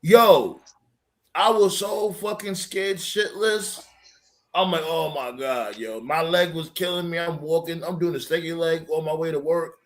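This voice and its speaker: Animated, profane storytelling man. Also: fairly high pitch, moderate pace, few pauses. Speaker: podcast co-host. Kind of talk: casual chat.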